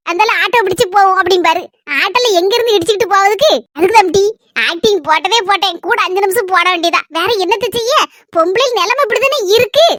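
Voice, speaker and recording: A woman's voice: very high-pitched, fairly bright tone, dry recording. A woman playing a grumbling harried housewife. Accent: Kanyakumari Tamil. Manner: long rapid grumbling rants. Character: harried housewife and mother, complaining. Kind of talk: family comedy skit.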